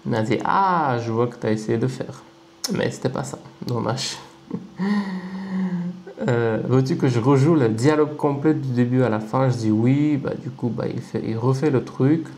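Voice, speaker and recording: A man's voice: mid-range voice, moderate pace, a little mellow. A man casually walking through his screen, chatty and amused, thinking aloud as he goes. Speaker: language-learning video creator. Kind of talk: casual screen-recording commentary.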